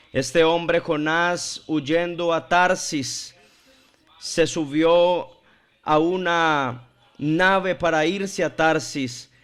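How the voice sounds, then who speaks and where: A male preacher delivering a sermon with a somewhat high voice. He speaks at an unhurried pace, leaning on key words and drawing them out for emphasis. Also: a bit bright. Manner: slow, deliberate preaching with drawn-out emphasis.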